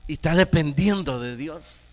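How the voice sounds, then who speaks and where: A Nicaraguan pastor preaching a sermon, emphatic, firing rhetorical questions at the congregation. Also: male voice, on the high side, normal speed, darkish tone, in a large hall.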